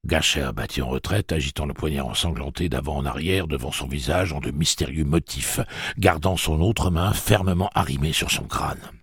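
A man reading a story aloud as narrator, in a dramatic, animated way. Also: a bass voice, normal speed, slightly rough, no room sound, clean studio sound. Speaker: audiobook narrator. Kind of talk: scripted narration.

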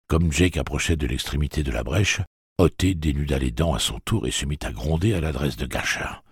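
A man's voice: very deep voice, animated, brisk, breathy edge, no room sound, clean studio sound. A man reading a novel aloud as an audiobook narrator.

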